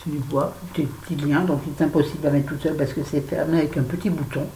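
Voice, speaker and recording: A woman chatting to camera as a beauty vlogger, blunt and self-mocking, with lively asides. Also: deep voice, quick pace. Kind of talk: casual chat to camera. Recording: echoey room with faint background noise.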